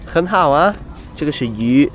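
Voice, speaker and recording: A British man in his twenties, a native English speaker, chatting casually as a travel vlogger in halting, foreign-accented beginner Mandarin with simple broken phrases. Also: fairly high pitch, lively intonation, highs cut off. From United Kingdom. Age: 20s. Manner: simple broken phrases with repeated searching for words. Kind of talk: casual chat with locals.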